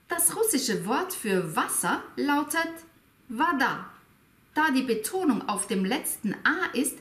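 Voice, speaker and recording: A woman hosting an educational video, explaining with a playful, expressive manner and asking viewers rhetorical questions. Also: high voice. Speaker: language teacher and video host. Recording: echoey room, faint music behind.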